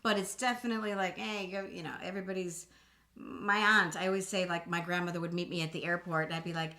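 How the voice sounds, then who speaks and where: Bright, animated woman. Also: fairly low pitch, quick pace. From Boston. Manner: animated storyteller, acts out voices. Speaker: podcast co-host. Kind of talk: casual chat.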